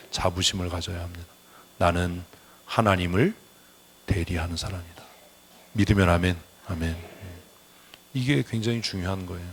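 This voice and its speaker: A man's voice: deep voice, a little hiss or hum. Blunt scolding male pastor. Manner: blunt, scolding, calls for amen responses. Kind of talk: sermon. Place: church sanctuary.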